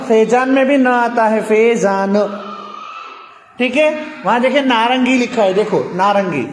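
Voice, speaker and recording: A woman teaches small children, talking very slowly and patiently and asking the class the same question again and again. She is recorded in a roomy classroom with a long, ringing reverb and a clear layer of background noise. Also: high-pitched. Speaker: primary school teacher. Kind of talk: classroom lesson for young children. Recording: echoey room with noise.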